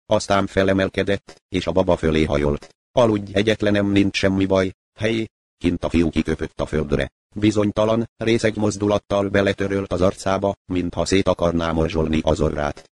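A man with a low, deep voice reads a literary story aloud, unhurried and measured. The sound is dry and close to the mic, with no room tone. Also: a little mellow, dry recording. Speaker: narrator.

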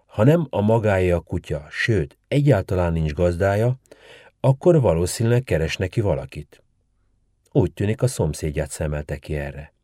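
A man's voice: low voice, animated, dark tone, dry recording, clean studio sound. Figure: man playing a polite clever young woman. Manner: courteous. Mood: curious. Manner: courteous and formal.

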